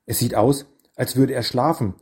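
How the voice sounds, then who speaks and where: A man's voice: medium pitch, steady tone, normal speed, a little mellow, slightly rough. A man voicing an anxious, impatient young male friend in a storybook reading, urgent and agitated. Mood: worried.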